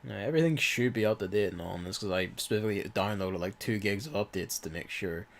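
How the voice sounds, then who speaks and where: Low-voiced man with a cough, rambling game commentary. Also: fast, creaky, a little hiss or hum. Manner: rambling, swears offhandedly, muttered asides. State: coughing, irritated throat. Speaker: gaming video host. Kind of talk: casual let's-play commentary.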